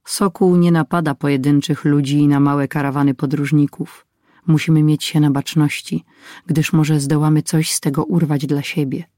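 A narrator voicing a scheming older desert raider chief in an audiobook, with a measured warning tone. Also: medium pitch, level tone, warm tone, dry recording, studio quality, natural voice. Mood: grave. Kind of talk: audiobook reading.

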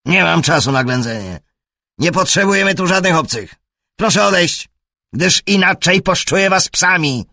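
A man voicing an older, coarse and menacing horse trainer who shouts and blusters, then turns fawning. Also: medium pitch, sing-song, slow, gravelly, slightly rough, dry recording, studio quality, pitched above the performer's own voice, heavily acted. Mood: furious.

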